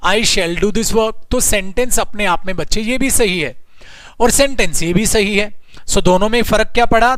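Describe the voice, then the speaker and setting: A man with an Indian accent teaching English grammar online, speaking mostly Hindi, repeating his points and stretching out the example sentences slowly. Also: high voice, fairly bright tone, no echo. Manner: repeats phrases, addresses students as children.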